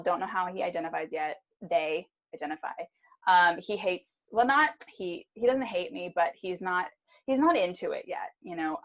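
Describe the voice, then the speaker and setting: Young woman podcast co-host, animated, joking, slightly low voice, casual chat. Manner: animated, joking, lots of restarts.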